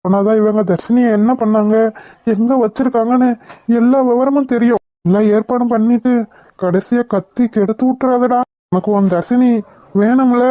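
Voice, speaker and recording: A woman voicing a calm male friend in a cartoon, urging patience and reassuring. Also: fairly high pitch, normal speed, dry recording, clean studio sound, lightly acted. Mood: soothing. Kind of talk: cartoon voice acting.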